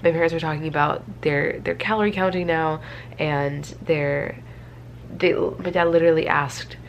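Low-voiced and steady, a vlogger in her twenties speaks at a moderate pace to camera, congested from a cold and rambling with self-deprecating humor. She's in a small bedroom, and the lo-fi recording picks up faint room noise.

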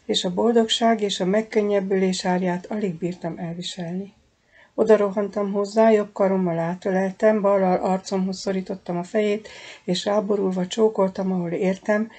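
Warm, gravelly woman reading an audiobook. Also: mid-range voice. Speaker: audiobook reader. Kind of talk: first-person audiobook narration.

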